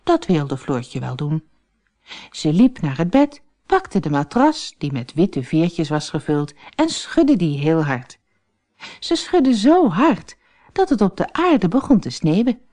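A woman reads a fairy tale aloud for children, slowly and carefully. Her voice is fairly low but swings widely in pitch, bringing the story to life. The telling is clear and expressive. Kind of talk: scripted storybook narration.

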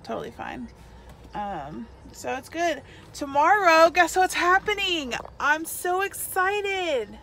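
A woman's voice: extremely high pitch, very animated, slow, fairly bright tone, a little hiss or hum. A tired young woman chatting casually in a parked car, self-mocking and laughing, filmed on a phone held at arm's length. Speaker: vlogger. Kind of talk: casual vlog chat.

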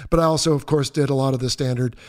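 A man of fifty hosting a podcast, answering listener mail in a relaxed, joking way. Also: mid-range voice, fast talker. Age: 50s. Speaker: podcast host. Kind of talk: reading listener questions and answering.

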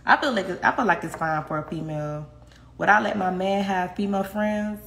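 A young woman talks briskly in a mid-range, slightly bright voice with vocal fry while livestreaming from her kitchen at home. She's candid with viewers, laughs often, and swears freely. The phone, held at arm's length, captures echo and faint noise.

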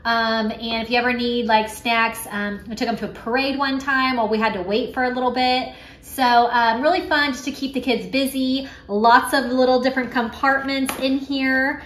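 A woman's voice: a little high, fairly even intonation, moderate pace, few pauses, a bit bright. A woman in her thirties, a mom vlogger chatting to camera in her home kitchen, upbeat with lots of ums and uhs. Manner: chatty, filler-heavy, upbeat. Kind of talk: casual chat to camera. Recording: echoey kitchen room.

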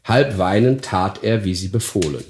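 A man's voice: lowish voice, moderate pace, slight background noise. A man, an actor, narrating a classic fairy tale in a theatrical reading.

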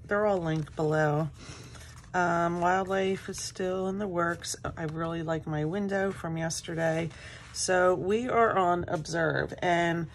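Working on a journal page at home in her craft room, a middle-aged woman who runs a craft channel rambles along in casual chat. Her morning voice is fairly low and creaky, with a little hiss or hum on the recording.

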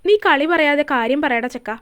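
A woman's voice: high voice, normal speed, a bit bright. A woman voicing an old grandmother who scolds her grandson playfully in a story reading. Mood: teasing.

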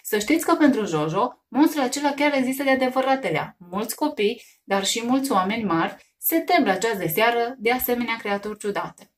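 A woman voicing a calm, thoughtful male children's doctor in a storybook reading, measured and reassuring. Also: a little high, natural voice.

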